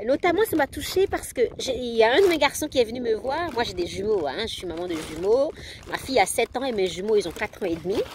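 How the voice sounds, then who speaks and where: A woman's voice: on the high side, fast, a little hiss or hum. A woman in her thirties, a parenting coach, talking casually and animatedly to the camera. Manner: animated, acts out her children's voices.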